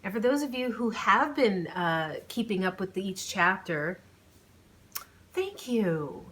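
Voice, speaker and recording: Mid-range and a bit bright, this woman's voice has a sing-song lilt and an unhurried pace, with slight background noise. As an author and channel host, she chats casually in a vlog intro, then reads from her own novel like an audiobook.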